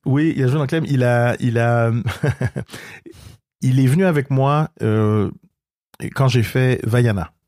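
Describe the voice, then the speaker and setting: A middle-aged Québécois man, a comedian guest in a relaxed interview, tells stories at a slow pace with long pauses, acting out quoted dialogue and often restarting and repeating words. His mid-range voice is a little mellow, captured in studio quality with no echo.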